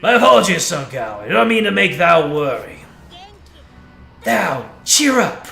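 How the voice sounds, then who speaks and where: A man's voice: on the high side, very animated, measured pace, vocal fry, sharp tone, exaggerated voice. A man voicing a wild young male fighter who talks in childlike broken grammar, in a game playthrough. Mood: earnest. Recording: echoey room, faint music.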